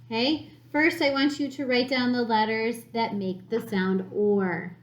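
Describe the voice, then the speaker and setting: A woman teacher giving a recorded phonics lesson to young children, sounding out letters slowly and encouragingly. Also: a little high. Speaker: elementary school teacher. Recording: echoey room.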